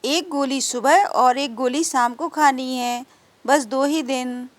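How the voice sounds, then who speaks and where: A woman's voice: sits high, takes it slowly, dry recording. A woman voicing a nurse in a doll story who talks in a soothing, reassuring way. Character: calm, reassuring village nurse.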